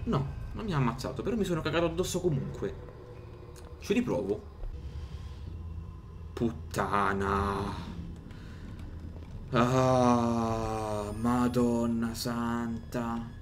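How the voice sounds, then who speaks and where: A man's voice: medium pitch, lively intonation, moderate pace, slight background noise. A man commentating a horror game he is playing, jumpy and joking to himself, swearing as he goes. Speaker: gaming streamer. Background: game music.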